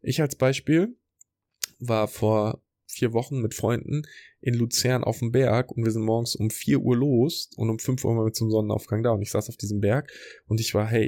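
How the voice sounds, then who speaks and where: A man hosting a podcast, giving a motivational talk straight to the listener and slowing down for guided reflection exercises. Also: medium pitch, fairly even intonation, a little mellow, no room sound. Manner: direct, coaching, addresses listener as du. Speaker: podcast host and speaker. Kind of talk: motivational talk, rehearsing a keynote.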